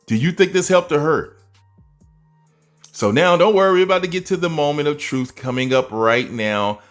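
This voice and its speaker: A man commentating over a boxing video in an animated way, full of rhetorical questions and chuckling asides. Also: on the high side, moderate pace, faint music behind.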